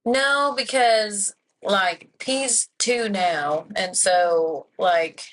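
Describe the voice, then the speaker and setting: A woman in her twenties, a podcast guest, telling a personal story in a rambling, animated way full of "like". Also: medium pitch, drawn-out words, slight background noise, rough recording. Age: 20s. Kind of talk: casual chat.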